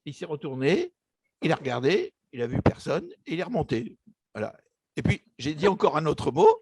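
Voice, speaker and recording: Against a noisy background, an older man from Egypt, interviewed about his book, tells personal memories in a casual, hesitant way marked by many fillers and restarts. His creaky voice is a little high and fairly quick, with wildly swooping pitch.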